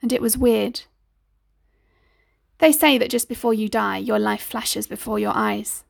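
A woman narrates a first-person story for an audiobook, reading in a measured, deliberate way. Her voice is fairly high with a gravelly, creaky edge, and the sound is dry and close. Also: steady tone, no echo.

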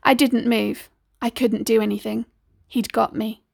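A woman reading a first-person story aloud in a measured, deliberate way. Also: a little high, level tone, gravelly, no echo, clean studio sound. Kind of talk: scripted audiobook narration.

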